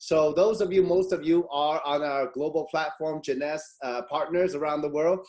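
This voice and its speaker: A middle-aged man from Hong Kong hosts an online webinar over a video call, chatting away with lots of fillers, restarts and frequent laughs. His voice is fairly high and darkish, with a steady tone and moderate pace.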